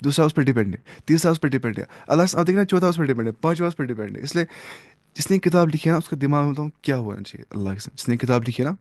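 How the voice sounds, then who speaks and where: A man's voice: on the high side, expressive, racing, a little mellow, no echo. A man teaching an Arabic grammar lesson, who asks questions and answers them himself, mixes in English terms, and encourages his students. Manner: reassuring, encouraging tone.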